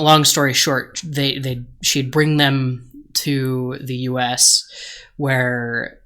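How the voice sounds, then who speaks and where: A man co-hosting a podcast, casually pitching a story idea with lots of ums and restarts. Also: fairly bright tone. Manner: hesitant, many ums and restarts. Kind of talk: casual chat.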